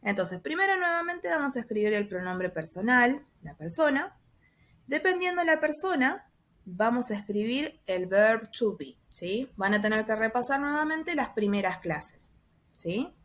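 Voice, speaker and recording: A woman teacher explaining a grammar exercise step by step, patiently, with frequent soft checks for understanding and slowly spelled-out examples. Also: a little high, big pitch swings. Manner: spells out letters and stretches example sentences. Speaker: English teacher. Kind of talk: recorded class explanation.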